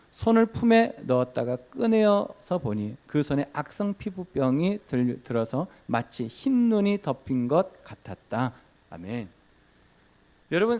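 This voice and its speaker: Dramatic preacher with a lively voice. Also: male voice. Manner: dramatic, acts out scenes with big pitch swings. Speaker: pastor. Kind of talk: sermon. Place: church sanctuary.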